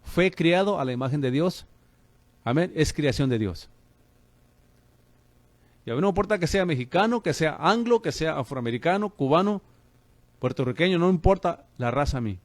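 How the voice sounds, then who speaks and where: A man's voice: a little high, expressive, moderate pace, long pauses, dry recording. A man preaching on the radio as a pastor and host, fervent and calling listeners brother.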